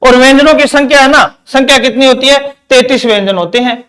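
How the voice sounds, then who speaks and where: Brisk and steady, the man speaks in a very high, fairly bright voice. As a teacher running an exam-prep grammar lesson, he keeps restating points and answering the questions he asks, drilling in a repetitive Q&A style.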